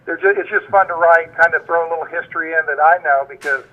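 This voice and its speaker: A man from Florida calling in to a live show over a clipped phone line, eager and halting, tripping over and repeating his words. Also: fairly high pitch, fairly even intonation. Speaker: caller. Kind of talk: call-in comment on live show.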